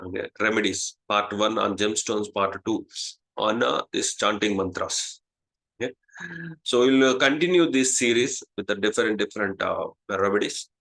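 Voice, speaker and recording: A man with an Indian English accent, whose first language is Telugu, hosting a casual spiritual talk and pausing often with "uh" and "okay". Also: lowish voice, vocal fry, fairly bright tone, poor audio. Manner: slow, halting, many "uh" and "okay". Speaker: astrologer, channel host.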